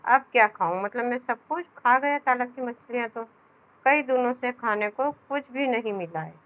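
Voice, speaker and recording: A woman's voice: a little high, moderate pace, close to an everyday voice. A woman reading aloud the lines of a hungry, pleading male crocodile in a children's story. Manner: reads in a plain, explanatory voice. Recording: dull lo-fi sound.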